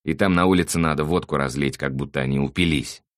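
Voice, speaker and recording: A man's voice: rumbling low, fast talker, no echo, studio quality. A man reading an audiobook, voicing a coarse, bossy male thug who swears and barks orders. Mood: gloating.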